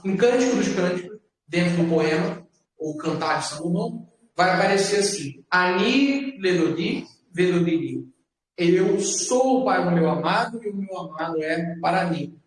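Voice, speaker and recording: A man teaching Hebrew letters to a class. He talks patiently and repeats words slowly for his students. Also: high-pitched. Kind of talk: classroom lesson. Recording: echoey classroom from far off.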